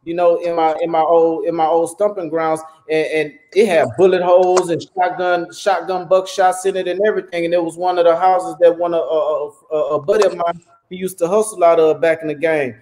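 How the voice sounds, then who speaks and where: A man hosting a casual livestream interview, animated and repeating his words as he hypes the audience. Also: on the high side, brisk, slight background noise. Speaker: host. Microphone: phone.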